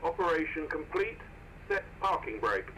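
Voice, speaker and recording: A man voicing a businesslike airport pushback crewman in a flight simulator, with brisk procedural callouts. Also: fairly high pitch, very animated, background noise. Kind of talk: scripted simulator ground crew callouts.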